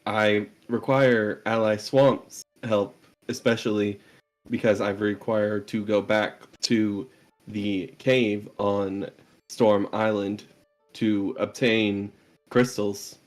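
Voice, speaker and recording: A man voicing a stiff robotic construct that calls himself "this unit", speaking in a formal, clipped monotone. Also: on the low side, slow, soft background music.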